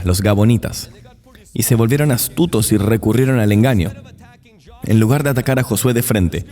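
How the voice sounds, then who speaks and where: A man's voice: on the low side, mellow, in a large hall. A man preaching a sermon in an earnest, emphatic way, with the odd dry aside.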